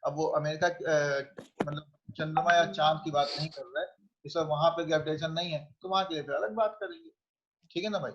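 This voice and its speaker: A man's voice: on the high side, steady tone, a little fast, fairly bright tone, lo-fi sound. A man teaching physics, conversational and often checking that students follow. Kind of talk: online class lecture.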